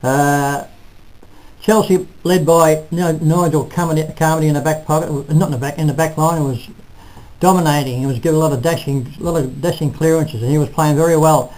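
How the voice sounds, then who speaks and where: An older man reviewing a local football match in casual, halting talk full of restarts, recorded on a close webcam in a small room. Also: on the high side, fairly even intonation, darkish tone, low-quality recording. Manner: rambling, halting, self-correcting. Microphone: webcam at close range.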